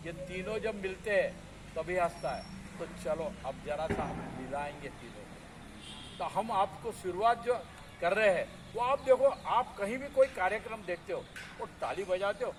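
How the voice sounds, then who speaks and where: A man leading a laughter yoga session, energetically coaxing the group to clap and laugh, recorded outdoors. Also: sits high. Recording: crowd and outdoor traffic noise.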